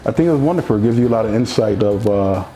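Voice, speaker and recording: A man from Chicago gives a hesitant testimonial, filled with pauses. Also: on the low side, expressive, warm tone, faint music behind. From Chicago, Illinois. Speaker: detailing student. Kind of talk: testimonial interview.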